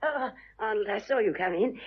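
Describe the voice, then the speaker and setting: Lady doing a chattery gushing older mum, husky voice, lo-fi radio play. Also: medium pitch, animated, normal speed. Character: older, flighty and gushing English mother. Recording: dull lo-fi recording.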